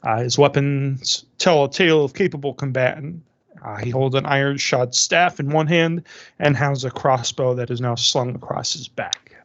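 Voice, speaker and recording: A man's voice: medium pitch, moderate pace. A man narrating a tabletop game as game master, moving between hesitant improvising and reading out prepared description. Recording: dull, dry, lo-fi voice-chat sound.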